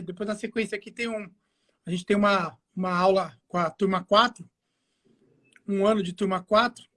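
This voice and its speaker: A man's voice: high-pitched, a bit bright. Casting: male Brazilian guest expert, informal and slangy, explains through self-answered questions. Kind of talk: casual explanatory chat. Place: home garage.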